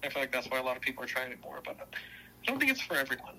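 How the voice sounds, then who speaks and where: A man's voice: mid-range voice, very animated, rapid-fire, vocal fry, sharp tone, low-quality recording. A young man guest on a chat podcast, rambling through his thoughts with lots of "like" and restarts. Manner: rambling, many fillers, self-correcting. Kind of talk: casual discussion.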